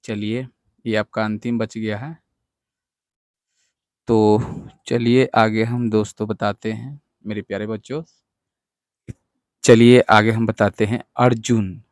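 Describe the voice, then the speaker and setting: A man teaching a spelling lesson to students, patient and explanatory, slowly repeating words and speaking to the class directly. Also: on the low side, little pitch movement, darkish tone, no echo, clean studio sound. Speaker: English teacher.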